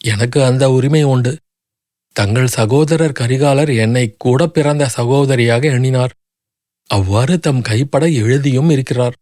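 A man's voice: mid-range voice, unhurried, darkish tone, no echo, studio quality, lightly acted. A man voicing a grief-stricken young noblewoman who pleads desperately through sobs. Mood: grieving plea.

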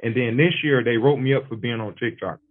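A man in prison talking casually over a prison payphone line, in low-key speech. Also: brisk. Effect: heard over a prison payphone line. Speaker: incarcerated interviewee. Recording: tinny prison phone line.

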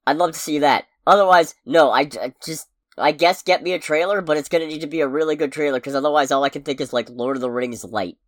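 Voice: medium pitch, quick pace, few pauses. A podcast co-host who is sick, chatting casually about games and movies with a sarcastic, exclamatory manner.

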